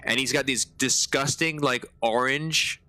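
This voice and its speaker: A man streaming a game live, chatting with viewers in slangy, animated storytelling. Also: medium pitch, a little slow, dry recording. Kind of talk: live gameplay commentary.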